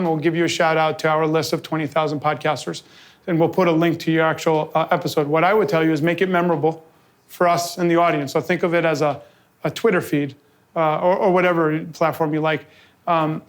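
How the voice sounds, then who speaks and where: High-voiced, energetic man presenting live. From New York. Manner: fast, animated storytelling with quick asides and quoted dialogue. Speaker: convention founder giving a presentation. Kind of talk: energetic live talk to an audience. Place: office event space with a live audience.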